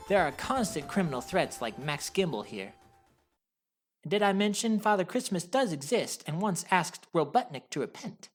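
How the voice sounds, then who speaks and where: A young cartoon hedgehog hero played by a woman recaps his own story. The voice is low for a woman, matter-of-fact and wry, with music clearly underneath. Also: lightly acted. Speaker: narrator. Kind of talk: scripted first-person recap narration.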